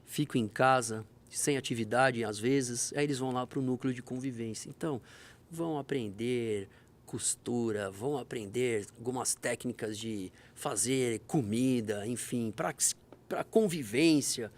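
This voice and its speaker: A man's voice: mid-range voice, measured pace. A man who is a fire brigade major, being interviewed and telling emergency stories, acting out the dialogue vividly. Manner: animated storyteller, acts out dialogue. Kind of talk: conversational interview, storytelling.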